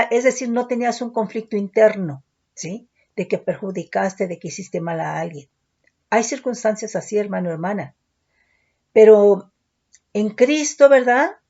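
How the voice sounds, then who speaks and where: Woman preaching, mellow voice, dull sound. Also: mid-range voice. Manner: teaching, frequent tag questions. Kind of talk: sermon.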